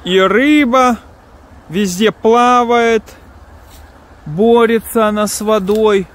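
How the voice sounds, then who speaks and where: A man's voice: high-pitched, slow, fairly bright tone. A man filming himself fishing outdoors on a phone, giving offhand running commentary on his catch. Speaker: fishing vlogger. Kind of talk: casual fishing vlog commentary. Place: outdoors by a river and pond. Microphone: phone camera in hand.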